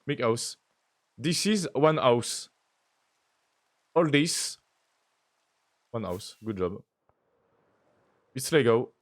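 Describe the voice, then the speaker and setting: French guy streaming minecraft, swoopy lively voice, slow easy pace, jokey. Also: mid-range voice. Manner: switches between French and heavily accented English, playful. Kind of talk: casual gaming stream chat.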